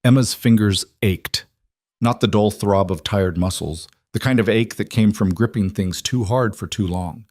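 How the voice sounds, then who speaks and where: A man reads a scripted story in a measured, dramatic way. His voice sits low. The sound is dry and close with no room around it. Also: a little mellow, no echo. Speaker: narrator. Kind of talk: scripted narration.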